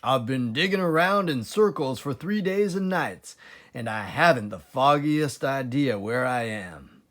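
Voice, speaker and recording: An anxious storybook badger , put on by a man, desperate and fretful. His dramatic exclamations swing widely in pitch, yet the words are drawn out. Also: animated, a little slow, a bit bright. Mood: relieved. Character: excitable, anxious father badger, hungry and desperate.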